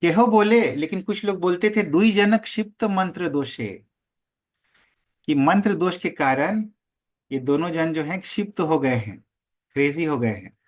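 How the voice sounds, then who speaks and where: A man teaching a scripture class, slowly chanting verses and then explaining them line by line. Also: fairly high pitch.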